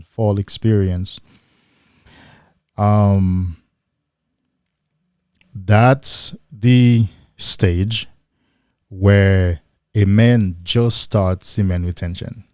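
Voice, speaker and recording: Slow and deliberate, a livestream host gives a motivational talk in a low, mellow voice, recorded dry and close. He leans on rhetorical questions and emphatic repetition, and at times mimics excited men in a higher voice.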